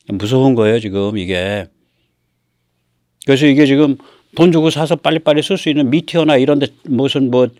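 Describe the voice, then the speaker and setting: A man's voice: mid-range voice, no room sound, studio quality. A man hosting a casual commentary show, talking in a folksy way and acting out quotes. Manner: lively, folksy, chuckles and acts out quotes. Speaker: host. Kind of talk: casual commentary on military affairs.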